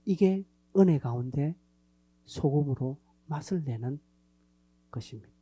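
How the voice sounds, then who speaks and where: A woman preaching a sermon, animated, acting out everyday conversations and sometimes dropping to a hushed near-whisper. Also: low-pitched, unhurried, husky. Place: church sanctuary.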